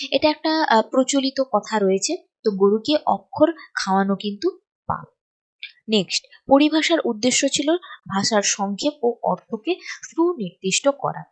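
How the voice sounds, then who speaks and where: A woman teacher from West Bengal works through an exam paper question by question. Her voice sits a little high, and she explains patiently, step by step, checking again and again that her students are following. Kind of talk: exam-prep lesson.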